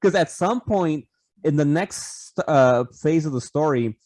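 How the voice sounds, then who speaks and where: A man's voice: on the high side, expressive, a little slow, a little mellow, dry recording. A man co-hosting a casual podcast over a video call, rambling with lots of restarts, fillers and swearing. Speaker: podcast co-host.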